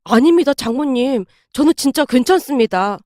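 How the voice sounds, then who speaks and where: Woman voices a meek young husband, quiet and deferential, dry close read. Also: high-pitched, animated, moderate pace, no echo.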